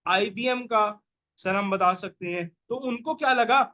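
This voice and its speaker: A man's voice: sits high, bright, forceful tone. A man teaching an exam revision class in call-and-response style, firing questions at students and answering them himself. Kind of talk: energetic exam revision lecture.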